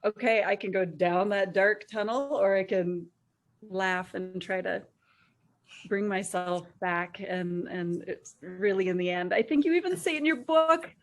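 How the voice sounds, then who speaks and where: A woman's voice: mid-range voice, measured pace. A woman host chatting in an upbeat, chatty way, full of fillers, in a casual interview over a video call.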